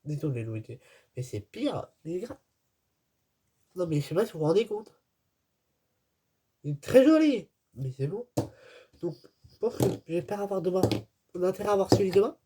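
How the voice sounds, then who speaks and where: Opening an advent calendar on her vlog, a woman chats casually, grumbles in exasperation, and laughs here and there. Her voice sits on the low side and is warm, animated, and brisk with a breathy edge and long pauses. The recording is noisy, with clicks and crinkling wrappers from the packaging in the background.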